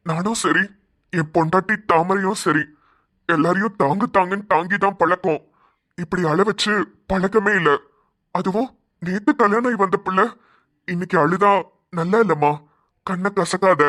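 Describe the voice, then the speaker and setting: Kindly forgiving old grandfather in a cartoon; calm, fairly high voice. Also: moderate pace, long pauses. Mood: consoling. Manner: calm, consoling. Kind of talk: cartoon voice acting.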